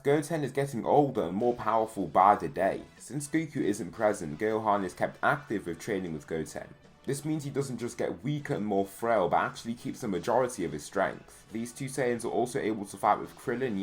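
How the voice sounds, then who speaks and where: Low-voiced man narrating a fan story. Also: animated, normal speed. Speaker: channel host and narrator. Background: faint music.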